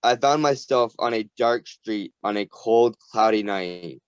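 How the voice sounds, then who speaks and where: A man's voice: fairly low pitch, unhurried, smooth, no echo. A man reading a novel aloud to a group over a video call, reading carefully and stumbling and restarting on hard words. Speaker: reader. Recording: dull lo-fi recording.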